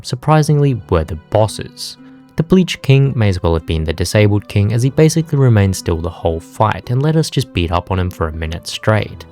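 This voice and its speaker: A young man with a fairly low voice narrates his gameplay for a video. The narration is scripted and comedic, packed with sarcastic, profane jokes delivered deadpan.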